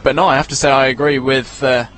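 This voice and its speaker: A man's voice: medium pitch, little pitch movement, fast, a bit bright, a faint crowd. A man giving live play-by-play commentary at a football ground, chatty and prone to stumbling over player names.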